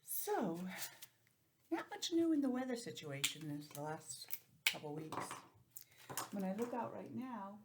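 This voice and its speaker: With a medium-pitched, sing-song voice, she speaks at a measured pace with long pauses over a noisy background. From her home laptop, this teacher of young children leads an interactive calendar lesson on a video call, mixing questions with chatty asides.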